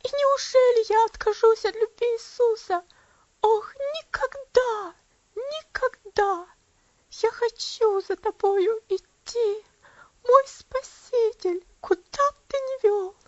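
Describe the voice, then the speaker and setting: A woman's voice: very high-pitched, takes it slowly, darkish tone, dry recording, lo-fi sound, pitched above the performer's own voice. A woman reader voicing a devout, loving young girl who cries and pleads in a trembling voice. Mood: tearful prayer. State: crying.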